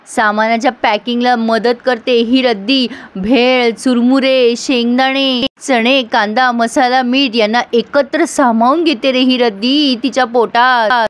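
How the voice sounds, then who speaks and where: A woman's voice: a little high, lightly acted. A woman voicing a dramatic, teasing young man who delivers mock-outraged speeches.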